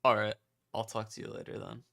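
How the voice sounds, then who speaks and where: Give me a young male streamer with a bright, sharp voice, ranting casually and cursing. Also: fairly low pitch, steady tone, brisk, vocal fry. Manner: profane, ranting, fillers of "like". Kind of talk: casual live-stream commentary.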